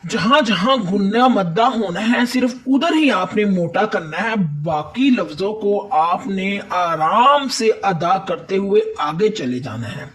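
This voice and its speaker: A woman's voice: mid-range voice, lively intonation, few pauses. A woman teaching Quran recitation step by step, patiently repeating each rule in plain words.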